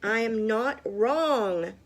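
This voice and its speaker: A woman's voice: medium pitch, very animated, vocal fry, a little mellow, slightly rough, heavily acted. A woman voicing a stern, bossy elderly sister in a storybook read-aloud, firm and emphatic. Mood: shouting. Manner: firm, slow, emphatic scolding.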